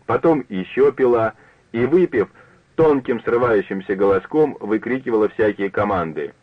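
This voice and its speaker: A man narrating a literary story for radio in a measured, unhurried manner. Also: fairly low pitch, expressive, dry recording. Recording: narrow phone-like dry broadcast.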